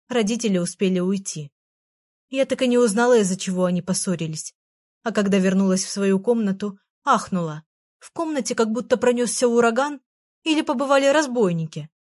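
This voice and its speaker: A woman reading an audiobook aloud, narrating in the first person in a plain, even voice with a wry, sighing tone. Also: mid-range voice.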